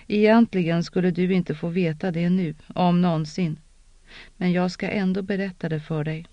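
A narrator voicing a calm, stern older woman mentor who speaks low and measured, in an audiobook reading on a dull, lo-fi recording. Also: dry recording, close to an everyday voice.

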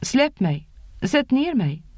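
A woman's voice: high-pitched, sing-song, a little mellow, no room sound, voice pushed up. A woman voicing a frightened young woman who insists and pleads to escape. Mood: desperate. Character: frightened, defiant young woman refusing a dream life. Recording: dull lo-fi.

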